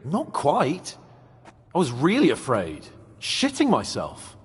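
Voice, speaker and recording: An actor playing a frightened, shaken young man in a video game, with a husky voice and halting, stammering delivery. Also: fairly high pitch, wildly swooping pitch, heavily acted. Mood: shaken, confessional. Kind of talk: dramatic video game dialogue. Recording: long echoing reverb.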